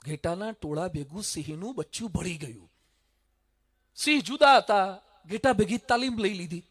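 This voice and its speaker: A man giving a dramatic stage speech full of stories, swinging from loud to hushed. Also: high-pitched, expressive, normal speed. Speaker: public speaker. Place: stage at a public event.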